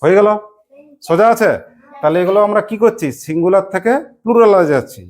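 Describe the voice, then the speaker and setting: Teaching English grammar to a class, a woman asks quick questions and spells out words letter by letter. Her voice is medium in pitch with a darkish tone.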